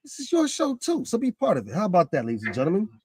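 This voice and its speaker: An animated man in his fifties hosts a casual talk show, his voice sitting a little high for a man. He jumps up in pitch whenever something excites him. The sound is close and dry, with no room in it. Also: racing, breathy edge, dry recording. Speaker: podcast host.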